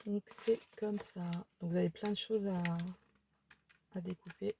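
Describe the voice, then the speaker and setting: A woman's voice: mid-range voice, fairly even intonation, measured pace, gravelly, noisy background. A tired woman showing a craft shopping haul at home, chatting casually with many fillers and restarts. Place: home room by a window.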